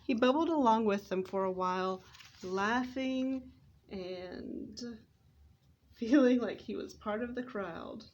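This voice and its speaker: Her voice sits on the high side, slow and somewhat dark in tone, with the highs cut off in the recording. She narrates a children's story from a script for readers theater, reading expressively with an occasional stumble.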